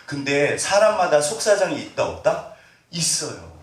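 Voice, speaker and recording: A man's voice: on the high side, sing-song, normal speed. A middle-aged man preaching a conversational sermon as pastor. He keeps asking the congregation questions and acts out family members' words. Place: church sanctuary. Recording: roomy sound, distant from mic.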